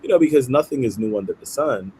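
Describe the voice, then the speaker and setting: As an interview guest, this Haitian-born, Brooklyn-raised nonprofit founder in his thirties explains himself earnestly and keeps asking "right?". His medium-pitched voice is animated, fast and darkish, caught on a low-quality recording with a little hiss or hum.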